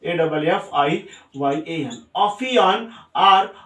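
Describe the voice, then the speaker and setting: This physics teacher speaks extremely slowly in a slightly high, animated and bright voice, blending English terms into his Hindi. He goes over every point twice and tests his class with questions, recorded in a roomy space from a distant mic.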